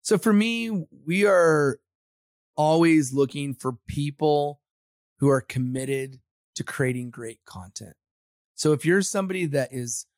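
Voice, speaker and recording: A man's voice: medium pitch, no room sound, studio quality. A man from Samoa, a podcast guest and agency founder, speaking confidently and motivationally in a casual interview.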